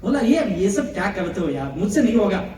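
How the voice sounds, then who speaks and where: A man's voice: high-pitched, brisk. A man telling a comic story to a live audience as a motivational speaker, acting out the dialogue in it. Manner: animated, comic, acts out dialogue. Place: large hall with audience. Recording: echoey hall, distant mic, crowd noise.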